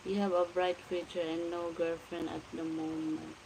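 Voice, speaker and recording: This livestream vlogger is a Filipino woman in her forties with a Filipino accent and a fairly low voice. Speaking at normal speed with flat delivery, she greets viewers by name and reads their comments from home late at night, with background noise audible.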